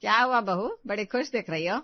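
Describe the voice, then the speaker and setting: A woman voicing a strict, bossy middle-aged mother-in-law who scolds in a loud, commanding voice. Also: mid-range voice, a little fast, close to an everyday voice. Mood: scolding. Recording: slightly dull, dry close recording.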